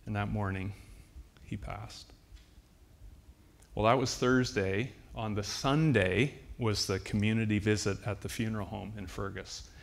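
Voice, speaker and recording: Earnest older pastor preaching. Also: male voice, fairly low pitch, fairly even intonation, vocal fry. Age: 60s. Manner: earnest, heartfelt storytelling with slow, emphatic repetitions. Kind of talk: sermon.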